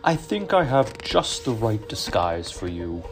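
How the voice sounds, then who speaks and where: A man voicing a jolly old Santa in a storybook, with a booming, hearty tone. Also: big pitch swings, unhurried, music in the background.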